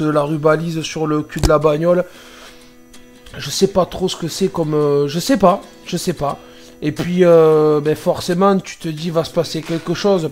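A man's voice: fairly high pitch, darkish tone. A man, a truck driver, commenting casually and sarcastically on dashcam clips, exasperated at other drivers.

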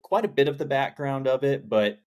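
A man in his late thirties hosting a podcast interview, talking in a relaxed, conversational way with many fillers, recorded on a studio mic at home. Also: mid-range voice, moderate pace. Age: 30s. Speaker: podcast host. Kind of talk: casual interview. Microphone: large studio condenser mic in frame.

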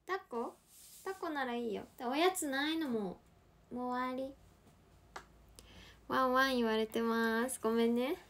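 Young woman, high pitched and unhurried; casual livestream chat at home, reading out comments and hushing her dogs. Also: a little hiss or hum. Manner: chatty, reads out viewer comments and coos softly at her dogs. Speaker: livestream host. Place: her family's home, indoors.

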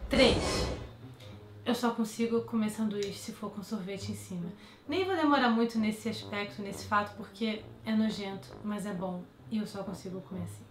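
A woman's voice: mid-range voice, moderate pace, background noise. A young woman in her twenties with a Brazilian Portuguese accent, chatting playfully with her viewers in a casual vlog. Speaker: vlogger. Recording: echoey room with faint music.

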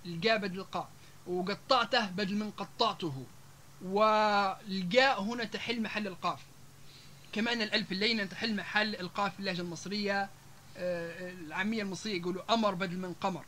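A man with a Libyan Arabic accent lectures a live audience at a rapid clip in a high, bright voice. He strings example words together one after another, broken by drawn-out "aah" fillers, with faint room noise behind him. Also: steady tone.

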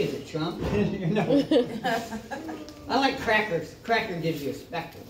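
A man's voice: high-pitched, a bit bright, a little hiss or hum. A man from Iowa, a street comedian doing crude, rambling banter with passersby and laughing at his own jokes. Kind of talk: improvised comic banter with passersby. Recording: echoey, distant, with guitar music.

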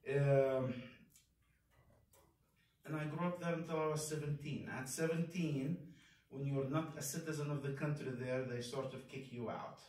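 A devotional speaker in his fifties, raised in Kuwait, gives a candid, self-deprecating personal testimony from a wooden pulpit in a large chapel. His mid-range, darkish voice keeps a fairly even intonation at a moderate pace, pausing often. Captured on a far-off camera phone in the congregation, it sounds distant in a very echoey hall.

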